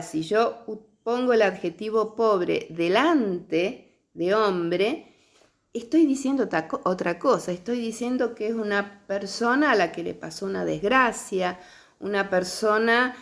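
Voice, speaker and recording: A woman's voice: medium pitch, vocal fry. A middle-aged woman teacher, lecturing patiently on early literacy and often checking in with her listeners.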